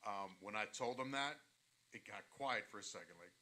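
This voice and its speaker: A man's voice: fairly low pitch, normal speed, bright, forceful tone. A middle-aged man chatting casually and telling personal stories as an interview guest. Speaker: interview guest, ring announcer and teacher. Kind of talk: casual chat, storytelling.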